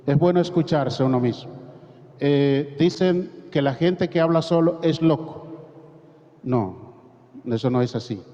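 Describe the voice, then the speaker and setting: Mellow Dominican man teaching in an echoey hall. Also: mid-range voice. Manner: didactic, poses rhetorical questions and demonstrates. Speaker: course facilitator. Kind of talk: parish training class. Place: parish hall. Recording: reverberant hall, dull lo-fi sound.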